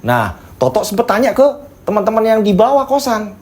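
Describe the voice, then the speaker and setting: A man's voice: sits high, moderate pace, a little hiss or hum. A man telling a dramatized true story as host, acting out the scenes. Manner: lively, acts out scenes. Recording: narration over background music.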